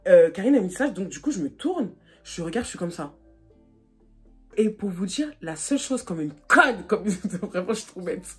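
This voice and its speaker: A young woman vlogger telling a casual storytime, animated and excitable, her voice jumping high when she gets embarrassed. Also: moderate pace, breathy edge, soft background music. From France. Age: young adult. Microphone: phone camera.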